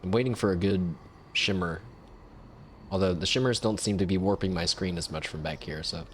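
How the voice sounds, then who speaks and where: A man gives casual let's-play commentary, chatty and self-mocking as he plays. His voice sits fairly low. A faint ambient hum runs behind him. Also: brisk. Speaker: gameplay commentator.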